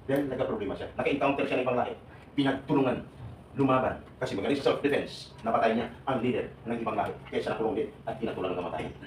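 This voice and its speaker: A man, addressing overseas workers at a live seminar in an animated, joking way, often quizzing the crowd. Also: medium pitch, rapid-fire, a little hiss or hum. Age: 70s. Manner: animated, joking, questioning the audience. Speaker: OFW advocate speaking to workers. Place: large hall with an audience. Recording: echoey hall, voice from far off.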